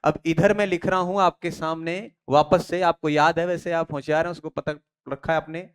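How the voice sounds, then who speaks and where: A man's voice: a little high, fairly even intonation, moderate pace, clean tone. A man from India teaching pronunciation in a classroom lecture. He asks his students questions, answers them himself and drills the key phrases again and again. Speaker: English teacher.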